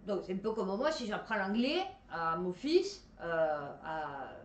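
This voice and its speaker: A woman's voice: medium pitch, very animated, measured pace, roomy sound, distant mic. A woman with a Marseille accent reads science headlines and chats about them casually, with many fillers and restarts. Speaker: host reading science news. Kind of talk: casual commentary on news articles.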